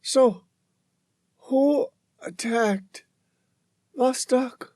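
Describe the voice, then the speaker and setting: A man voicing a freezing, dying woman, halting and pleading. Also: very high-pitched, a little mellow, no echo, studio quality, pitched above the performer's own voice, exaggerated voice. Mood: accusing. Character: desperate dying woman scientist, freezing, trapped. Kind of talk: audiobook narration.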